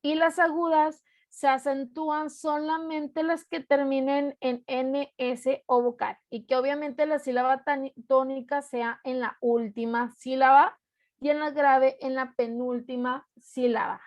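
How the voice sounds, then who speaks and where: A woman's voice: sits high, flat delivery, a little slow, no room sound. A young woman from Mexico teaching an online class, patiently explaining rules step by step and repeating them.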